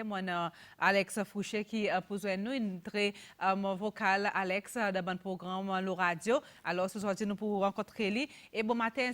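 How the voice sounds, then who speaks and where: A woman's voice: mid-range voice, fairly bright tone. A woman hosting a radio interview, chatty and full of hesitant fillers, laughing often. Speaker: radio show host.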